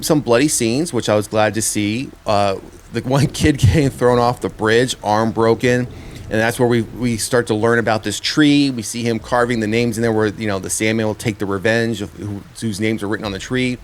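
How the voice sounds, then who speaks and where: A little hiss or hum sits under this man's mid-range, steady voice as he talks at a normal speed. Hosting a horror trailer review show, he delivers a casual review, rambling and repeating himself while sorting through his thoughts.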